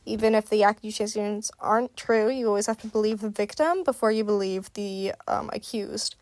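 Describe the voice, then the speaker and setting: A woman's voice: mid-range voice, normal speed, darkish tone, no room sound. A young woman with a slight lisp from wearing a retainer, giving a casual, chatty voice-over tour with apologetic asides. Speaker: amateur artist showing a sketchbook.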